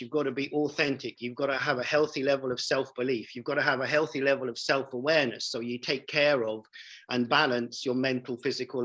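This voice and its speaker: A man's voice: mid-range voice, a bit bright, poor audio. A man in his forties, a leadership coach telling his story as an interview guest, emphatic and enthusiastic, repeating phrases for emphasis.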